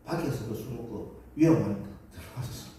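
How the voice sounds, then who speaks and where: A man's voice: medium pitch, a little fast, dark tone, a little hiss or hum. A man preaching a Sunday sermon as pastor, telling a story and acting out the people in it with rising emphasis. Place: large church sanctuary. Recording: echoey church hall from far off.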